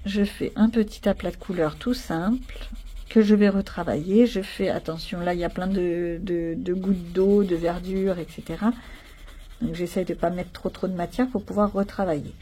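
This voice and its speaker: Woman, chatty, thinking aloud, dark mellow tone, slightly husky. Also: fairly low pitch, fairly even intonation, normal speed. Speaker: coloring channel host. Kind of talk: casual narrated coloring session.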